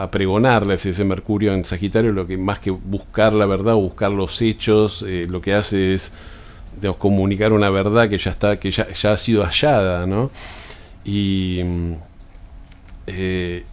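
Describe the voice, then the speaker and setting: A man with an Argentine accent talks through astrology in a loose, unscripted way. His voice sits fairly low. He stumbles and restarts phrases often and keeps checking in with short tag questions. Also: darkish tone. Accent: Argentine Spanish. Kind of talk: unscripted explanatory talk.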